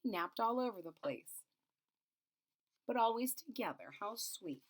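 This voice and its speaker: A woman expressively reads a children's picture book aloud, adding simple explanations as a teacher would. Her voice is a little high, with lively intonation and a slightly slow pace.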